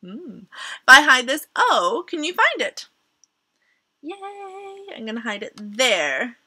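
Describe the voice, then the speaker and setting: Animated young woman teaching with exaggerated intonation. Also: on the high side. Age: young adult. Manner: sounds out words slowly and clearly. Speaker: phonics teacher presenting to children. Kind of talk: children's phonics lesson. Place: small attic bedroom at home.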